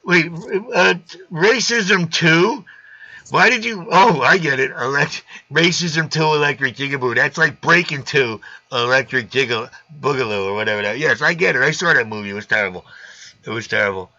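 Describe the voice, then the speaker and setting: Gravelly, bright-voiced wisecracking male host. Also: medium pitch, normal speed, no room sound. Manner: blunt, wisecracking. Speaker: live stream host. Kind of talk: casual live chat. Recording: dull lo-fi sound.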